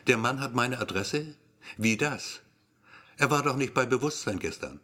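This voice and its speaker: A man's voice: mid-range voice, lively intonation, moderate pace, bright, forceful tone. A man reading a story aloud as scripted first-person narration, with a wry, brooding inner-monologue manner. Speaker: audiobook narrator.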